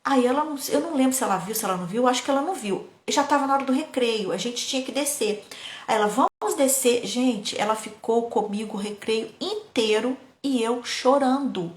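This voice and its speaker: A woman, a parenting educator telling childhood stories in a lively, casual way, often turning to her audience. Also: fairly high pitch, brisk. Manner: lively, keeps addressing the audience. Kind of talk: casual storytelling talk. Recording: echoey room.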